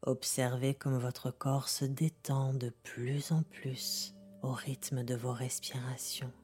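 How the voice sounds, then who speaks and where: A woman narrates a guided sleep meditation in the manner of a bedtime storyteller. Her voice is very deep for a woman and breathy, often sinking into a half-whisper. She speaks slowly and gently, leaving calm pauses between phrases. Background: music.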